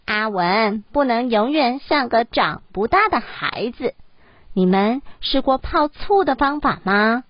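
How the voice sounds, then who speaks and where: A woman's voice: a little high, animated, slow, no room sound, lo-fi sound. A woman reading the lines of a bossy middle-aged neighbor in a storybook, lecturing and insistent.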